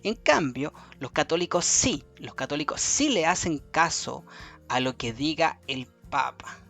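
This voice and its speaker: A man teaching a review lesson to schoolchildren, repeating key words slowly for emphasis. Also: on the high side, expressive, creaky, fairly bright tone. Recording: faint music behind.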